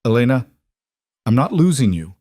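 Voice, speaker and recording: A man's voice: mid-range voice, very animated, moderate pace, dark tone, husky, no echo, clean studio sound, pitched above the performer's own voice. A man voicing a protective male crime boss who speaks hard and commanding.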